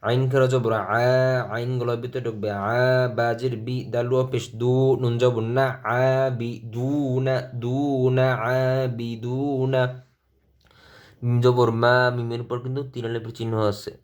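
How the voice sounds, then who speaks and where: A Bengali-speaking man teaching Quran reading, spelling out each letter and vowel slowly and deliberately. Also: mid-range voice, flat delivery, darkish tone. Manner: slow, deliberate syllable-by-syllable spelling.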